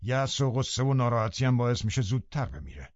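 A man's voice: medium pitch, very animated, no room sound, natural voice. A man voicing a scheming brooding landowner, dry and dull. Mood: grim low. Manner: menacing, then loudly pleading. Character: scheming brooding middle-aged male landowner.

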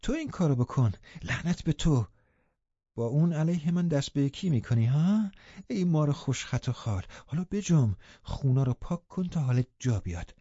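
A man's voice: fairly high pitch, animated, warm tone, husky, no room sound, muffled recording. A man reading an audiobook, voicing a brutal, furious man who snarls insults and barks orders. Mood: snarling.

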